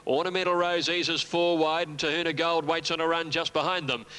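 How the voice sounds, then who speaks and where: A man's voice: fairly high pitch, steady tone, fairly quick, sharp tone, smooth. A man commentating live on a horse race.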